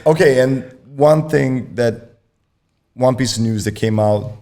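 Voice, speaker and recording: Gravelly laid-back male podcast host. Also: medium pitch, measured pace, dark tone. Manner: laid-back, steers the conversation. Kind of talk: casual chat.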